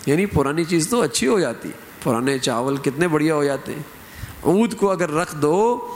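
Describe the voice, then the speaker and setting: A middle-aged man preaching a sermon, emphatic, lifting his voice to act out quoted phrases and examples. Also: a little high. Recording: hall with long reverb.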